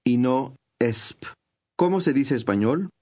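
Brief: male course narrator, patient scripted teacher delivery, mid pitch. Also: expressive, normal speed, darkish tone. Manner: clear, patient teacher's instructions.

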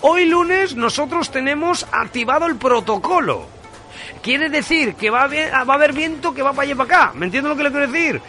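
A radio host making a live prank call, posing as an official and insistently repeating himself. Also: male voice, extremely high pitch, animated, fairly quick, bright, forceful tone, soft background music.

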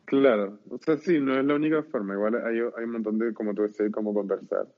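A man's voice: fairly low pitch, steady tone, quick pace. Chatty young Chilean man, tinny line. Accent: Chilean Spanish. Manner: chatty, slangy storyteller. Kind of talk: casual chat.

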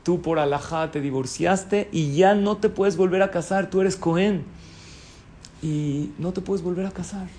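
A man voicing a wise old rabbi who gives counsel firmly and emphatically. His voice sits somewhat high and carries over a faint background hiss. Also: a little slow, a little mellow. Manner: firm, emphatic. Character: wise older male rabbi giving firm counsel.

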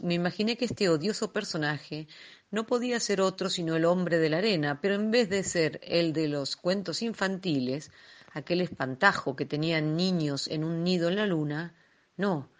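A woman reading a classic tale aloud in a measured, expressive storytelling manner. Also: lowish voice. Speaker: reader.

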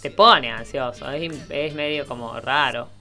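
A young woman with an Argentine accent, co-hosting a radio show, chatty and quick to laugh. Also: very deep voice, pushed and bright, soft background music. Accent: Argentine Spanish. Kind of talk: casual chat.

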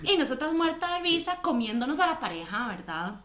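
A woman from Costa Rica with a Costa Rican accent, telling a story in animated, slangy casual chat. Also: sits high, fairly quick. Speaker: podcast co-host. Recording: echoey room.

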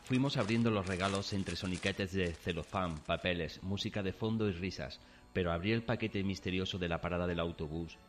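A man from Spain narrating a first-person horror story in a measured, solemn way. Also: low voice. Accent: Spanish from Spain. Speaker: narrator and protagonist. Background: faint background music.

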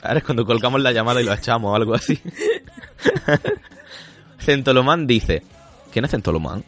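A man's voice: medium pitch, normal speed, fairly bright tone, soft background music. A man hosting a casual podcast chat, reading listener comments aloud, laughing often and swearing casually.

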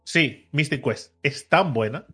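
A man co-hosting a podcast, chatting casually and telling stories with lively swings into loud mimicked shouts. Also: mid-range voice, slow, breathy edge, soft background music. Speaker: podcast co-host. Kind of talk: casual chat.

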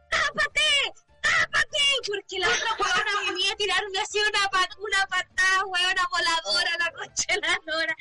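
A Chilean woman, a podcast guest, telling a story in animated, swearing casual chat and acting out the voices. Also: extremely high pitch.

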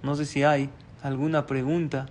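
A rabbi teaching a class and telling a parable in an animated storytelling manner. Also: male voice, a little high, moderate pace, a little hiss or hum. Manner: animated storyteller, lively voice changes.

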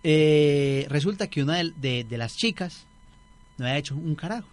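A man's voice: a little high, animated, moderate pace, no echo. A young man co-hosting a student radio show, chatting casually and acting out the people in his stories. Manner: storytelling, acts out quoted voices. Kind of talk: casual chat.

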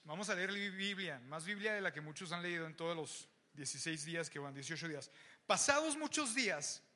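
Animated Mexican youth preacher, high voice. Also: male voice, fairly quick. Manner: animated, joking, shouts to the crowd. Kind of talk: lively sermon.

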